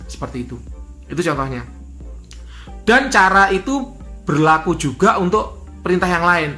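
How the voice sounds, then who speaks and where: A man's voice: on the high side, sharp tone. A man giving an instructional talk as a spiritual teacher, repeating key points and asking rhetorical questions.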